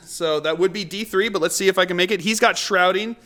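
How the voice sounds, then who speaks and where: A man with a high, bright voice talks through a tabletop battle as host, calling out dice results in a loose, casual play-by-play. He laughs often and breaks into excited whoops when the rolls turn. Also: fairly quick. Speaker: host and player.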